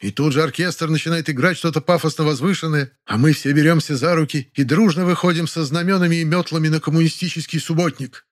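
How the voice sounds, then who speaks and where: A man reading aloud, voicing a sharp-tongued, sarcastic older actress with a high, mocking voice. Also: steady tone, fast talker, few pauses, close to an everyday voice. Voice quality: mocking, venomous. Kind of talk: audiobook character voice.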